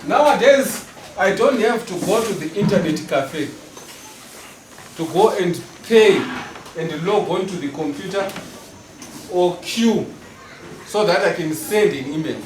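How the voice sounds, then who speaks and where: A middle-aged man teaching a school class. He speaks slowly and deliberately, often checking with the pupils. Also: high-pitched, lively intonation. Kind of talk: classroom lesson. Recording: roomy hall echo, distant mic, class noise.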